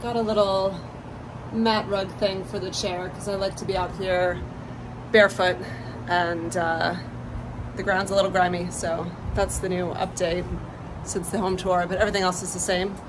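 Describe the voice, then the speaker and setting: A woman's voice: fairly low pitch, flat delivery, moderate pace, background noise. A woman chatting casually and upbeat to camera in a lifestyle vlog, with frequent "like" fillers, filmed at home and out on her porch. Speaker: lifestyle vlogger. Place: home kitchen and outdoor porch.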